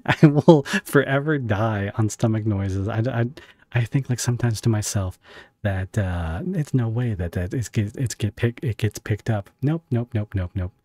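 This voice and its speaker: A man with a lowish, slightly mellow voice talks at a normal pace, with no room sound in the recording. He's streaming from home, chatting casually with viewers, rambling, interrupting himself and laughing often.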